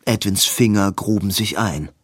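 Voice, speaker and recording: A man reading a novel aloud as an audiobook narrator, in a slow, even reading. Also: on the low side, breathy edge, no room sound, clean studio sound. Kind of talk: scripted narration.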